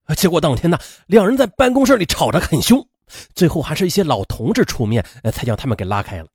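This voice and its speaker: A man narrating a dramatic true-crime story in an expressive way, with emphatic asides. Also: fairly high pitch, fast, husky, no room sound, studio quality.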